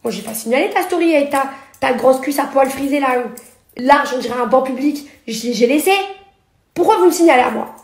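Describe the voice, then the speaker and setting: A young woman with a high voice vents into her phone at arm's length, sarcastic, indignant and firing off one jab after another. The room around her rings with a noticeable echo, like a bare apartment. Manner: indignant, sarcastic, rapid-fire. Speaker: reality TV personality and influencer. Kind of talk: social media story rant. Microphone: phone held at arm's length.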